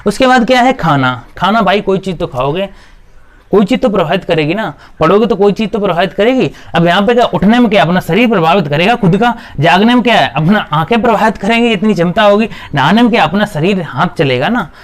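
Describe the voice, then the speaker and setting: A man's voice: high-pitched, lively intonation, fairly quick. A man teaching a Hindi grammar lesson, asking questions and answering them himself, with a frequent "okay" between points. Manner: repetitive, asks and answers his own questions. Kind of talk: classroom-style video lesson.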